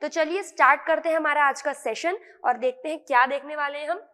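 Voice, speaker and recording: A woman's voice: sits high, brisk, bright, forceful tone, in a large hall. A woman with an Indian accent teaching English vocabulary in an online lesson, repeating words and checking in with her students often.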